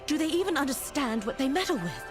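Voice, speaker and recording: Haughty female elf mage, fantasy game, lively intonation, wary and formal, music bed. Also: sits high, fast. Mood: proud, wary. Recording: music behind.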